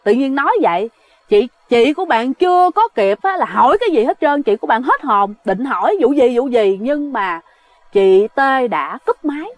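Woman storyteller, chatty ghost-story narration, lively voice that sits a bit high, close and dry. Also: moderate pace, dry recording. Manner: chatty, addresses listeners as "các bạn".

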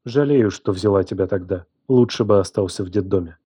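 A man voicing a distraught young woman who raised the man she now accuses, her voice trembling, shouting and hissing. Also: medium pitch, lively intonation, normal speed, breathy edge, no echo, studio quality. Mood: bitter. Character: distraught furious young woman, betrayed guardian.

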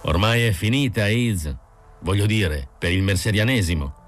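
A man's voice: on the low side, expressive, normal speed, faint music behind, natural voice. A male narrator voicing a smug android man who talks in an assured, slightly mocking way.

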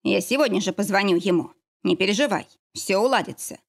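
Woman reading a firm father, blunt, own husky voice. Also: medium pitch, brisk. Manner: blunt, reassuring. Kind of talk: audiobook character reading.

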